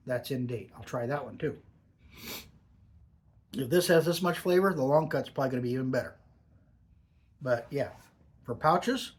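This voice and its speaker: A man giving a casual, off-the-cuff product review with a lip full of dip pouches, savouring and stressing his words as he goes. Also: medium pitch.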